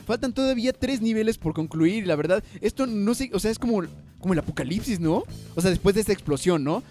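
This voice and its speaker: Excitable Mexican man playing a game. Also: high voice. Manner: excitable, counts aloud and cries out at misses. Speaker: gaming channel host. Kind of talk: gameplay commentary. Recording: faint music underneath.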